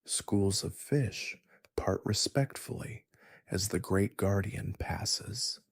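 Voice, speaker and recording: A man narrating a soothing sleep story in a hushed, half-whispered, unhurried way. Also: sits low, gravelly, husky, no room sound.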